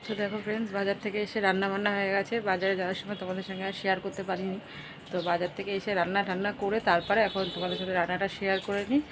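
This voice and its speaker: Brisk middle-aged woman vlogging chores. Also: mid-range voice, level tone, background noise. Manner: brisk, practical, listing chores. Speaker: vlogger's mother. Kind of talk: casual vlog narration.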